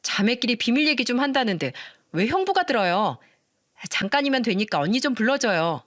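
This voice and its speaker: A woman's voice: fairly high pitch, very animated, brisk, fairly bright tone, no room sound, studio quality. A woman voicing a rude, greedy young sister-in-law who screams insults and demands money, in a storytelling reading. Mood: pushy. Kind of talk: storytelling radio drama reading.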